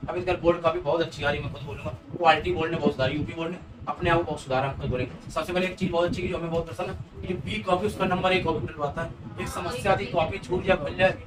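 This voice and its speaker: A male teacher gives exam-prep advice to students in a coaxing, repetitive way. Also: high-pitched. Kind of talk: exam-prep class lecture. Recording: noisy room, voice from a distance.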